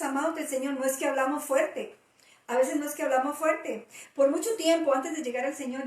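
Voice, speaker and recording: High-voiced emphatic woman preacher, roomy. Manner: emphatic, repeats key phrases. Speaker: pastor. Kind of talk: preaching talk. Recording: roomy audio from a distant mic.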